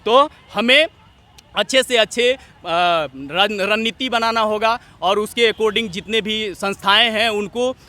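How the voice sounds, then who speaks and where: A young adult man from Jharkhand, India, speaking as a student leader in a street interview, gives earnest, repetitive, opinionated answers in speech-like phrasing. His voice sits high, has a sharp tone, and moves slowly.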